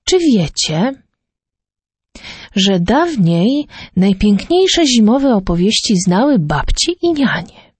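A woman telling a Christmas folk tale in a gentle, measured storytelling manner. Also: mid-range voice, sing-song, husky, no room sound. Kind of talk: scripted narration of a folk tale.

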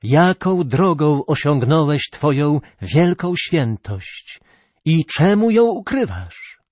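A man voicing a hushed pious old hermit. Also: a little high, big pitch swings, slow, no echo, heavily acted. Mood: reverent. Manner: hushed, reverent asking. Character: old male hermit, pious, gentle and awed.

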